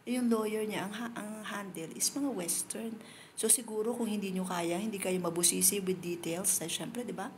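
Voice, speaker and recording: A woman's voice: mid-range voice, normal speed, a little mellow, slight background noise. A woman from the Philippines, chatting emotionally and directly with viewers on a live stream, speaking into a phone outdoors. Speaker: livestreamer. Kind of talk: casual live-stream chat.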